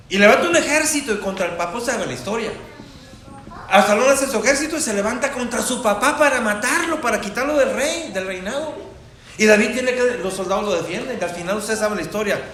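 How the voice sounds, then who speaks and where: Man, preacher, high voice, rhetorical questions, echoey church hall, faint background hum. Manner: animated storytelling with rhetorical questions, turning soft and slow. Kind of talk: sermon.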